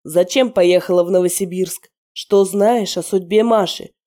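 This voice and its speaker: A woman's voice: lowish voice, a little slow, warm tone, natural voice. A woman reading a stern young werewolf giving orders. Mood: commanding. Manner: curt, commanding orders. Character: young male werewolf interrogator, stern and commanding.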